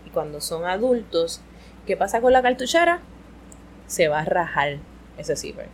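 A woman hosting an educational podcast, explaining in an expressive, conversational way. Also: on the low side, normal speed, slight background noise, low-quality recording. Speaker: podcast host.

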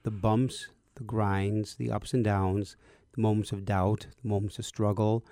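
A man's voice: fairly low pitch, flat delivery, measured pace, mellow, no room sound. A man hosting a religious radio talk show from a studio, with an upbeat announcer cadence. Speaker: radio host.

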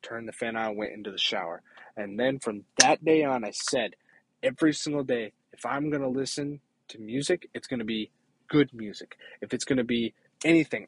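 Husky-voiced young man telling his story. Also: mid-range voice, dry recording. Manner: halting, earnest storytelling with restarts. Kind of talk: personal testimony.

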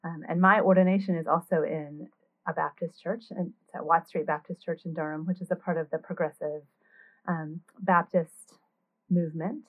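A woman from North Carolina explains her background carefully. Her voice is somewhat low, and it comes through a tinny, phone-like line. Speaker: pastor, panel guest. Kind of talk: casual panel discussion.

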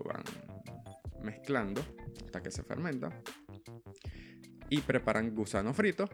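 A man's voice: fairly low pitch, vocal fry. A Venezuelan man hosting a podcast, talking in a casual, rambling monologue full of fillers and restarts. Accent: Venezuelan Spanish. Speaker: podcast host.

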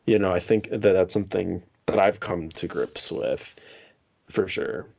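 A man's voice: low voice, fairly even intonation, a little slow, vocal fry, a little mellow, highs cut off. A man co-hosting a podcast, chatting casually about a movie and thinking aloud with fillers. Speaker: podcast co-host.

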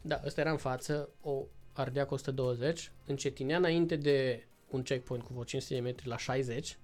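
A man's voice: mid-range voice, faint music behind. A man casually telling a long travel story, acting out other people's lines. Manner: lively storytelling, acts out voices in quotes. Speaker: podcast guest.

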